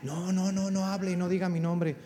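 A man's voice: sits high, level tone, moderate pace, warm tone, long reverb tail, soft background music, pitched above the performer's own voice, natural voice. Man putting on a young gang leader's voice. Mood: frightened. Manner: street slang, pleading. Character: young male gang leader, mocking then frightened.

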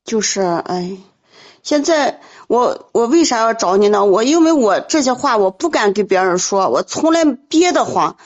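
A woman calling an advice show, telling her troubles in a halting, distressed way with many repeats. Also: fairly high pitch, lively intonation, dull audio. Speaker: caller.

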